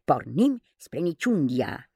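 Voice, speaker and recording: A woman plays a cocky boy hero who gives orders with easy confidence. The voice sits fairly low for a woman but lifts above her narrating tone, husky and a little gravelly, close and dry in a storybook recording. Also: very animated, warm tone, no room sound, heavily acted. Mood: confident. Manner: confident, bossy. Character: boyish hero, bold and commanding leader.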